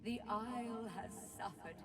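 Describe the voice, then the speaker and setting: A woman voicing a suffering undead tree spirit in a video game, with an unearthly, ghostly voice and slow, haunted, solemn delivery. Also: a little high, noisy background. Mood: sorrowful. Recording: cavernous reverb, distant, music behind.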